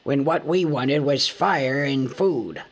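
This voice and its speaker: A man's voice: mid-range voice, slow pace, breathy edge. A man voicing a hungry male dwarf who grumbles and complains. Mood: grumbling.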